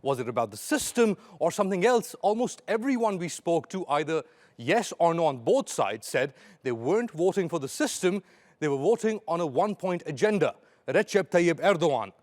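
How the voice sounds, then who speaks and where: A man with a fairly high voice poses questions as a broadcast interviewer. His phrasing is deliberate and pointed, and a long reverb trails his words. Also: sing-song, a little mellow.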